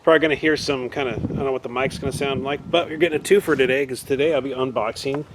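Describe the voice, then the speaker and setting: A man talks loosely to his camera while wandering his backyard, musing aloud and joking at his own expense. His voice sits at an ordinary pitch for a man. Clear outdoor noise runs beneath the camera-mic recording. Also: fairly even intonation, quick pace. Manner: rambling, self-deprecating, thinking aloud. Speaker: vlogger. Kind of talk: casual unboxing and testing vlog. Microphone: camera mic, then shotgun mic with windscreen.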